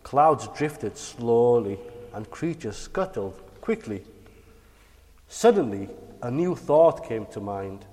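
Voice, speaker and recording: A man telling religious bedtime stories to children like a kids' show host, animated and encouraging. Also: mid-range voice, slow. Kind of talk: dramatic bedtime religious storytelling. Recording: long hall-like reverb.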